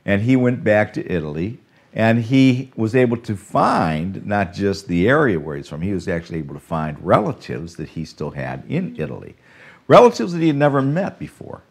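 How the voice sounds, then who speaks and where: An older man preaching a sermon, earnest and warm in content, swinging between emphatic lines and soft, drawn-out phrases. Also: low-pitched, sing-song, vocal fry, husky. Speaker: pastor.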